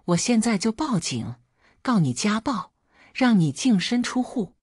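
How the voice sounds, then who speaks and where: A woman voicing a selfish, sharp-tongued middle-aged wife who scolds and threatens. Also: on the low side, lively intonation, measured pace, husky, dry recording, studio quality. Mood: scornful. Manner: scornful, scolding.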